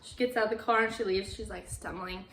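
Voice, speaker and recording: A woman's voice: mid-range voice, steady tone, quick pace, a bit bright. A young adult woman recapping a movie in a casual, chatty way, with lots of "like" fillers. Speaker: YouTuber. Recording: roomy echo.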